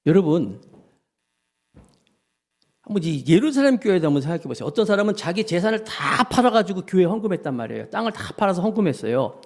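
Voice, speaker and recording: A male pastor giving a lively sermon, acting out grumbling voices and asking his congregation questions. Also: high-pitched, fast talker.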